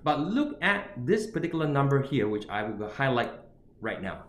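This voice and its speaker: Speaking at normal speed in a medium-pitched, slightly bright voice, this middle-aged man from Singapore is very animated, and the room audibly echoes. As an international student advisor presenting a webinar on picking universities, he is emphatic and repeatedly tags his points with "all right?". He sits indoors with a virtual backdrop.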